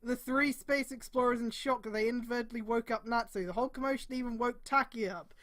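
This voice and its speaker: Reading fan fiction on stream, a woman ridicules the text in a live style, swearing, stretching her words, and letting out exasperated outbursts. Her voice runs on the high side and a bit bright.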